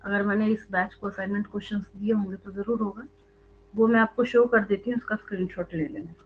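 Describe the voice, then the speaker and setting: Over tinny online audio with slight background noise, a woman teaches biology at a medium pitch, fairly quick and with fairly even intonation. She goes step by step, quizzing students and echoing their replies, with English terms woven into her speech.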